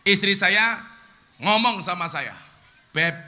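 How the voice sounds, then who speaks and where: A man's voice: high-pitched, a little slow, bright, forceful tone. A man with a Javanese accent preaching a humorous sermon, joking and chanting spelling drills in a sing-song.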